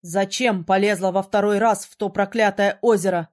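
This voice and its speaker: A haughty young prince of a mage, short-tempered and used to giving orders, as a woman reading the book puts him on. He speaks in clipped, commanding lines at an ordinary middle pitch. It is a storybook character voice. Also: flat delivery, moderate pace, a little mellow, natural voice. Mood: angry. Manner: curt, commanding. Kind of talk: audiobook character voice.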